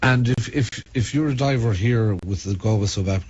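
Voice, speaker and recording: Low-voiced Irish radio interviewer, male. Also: fairly quick, a little mellow, slightly rough. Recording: dull, faintly noisy radio recording.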